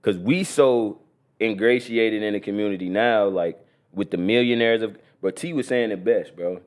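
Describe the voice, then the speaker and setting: A young man co-hosting a podcast from Columbus, Ohio has a lowish, somewhat mellow voice and a moderate pace. The conversation is relaxed and slangy, peppered with "you feel me."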